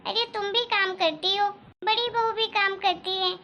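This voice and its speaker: A woman voicing a gentle, motherly mother-in-law who frets softly in a cartoon story. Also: very high-pitched, steady tone, normal speed, lo-fi sound, slight background noise. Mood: scolding. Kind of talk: Hindi cartoon story dialogue.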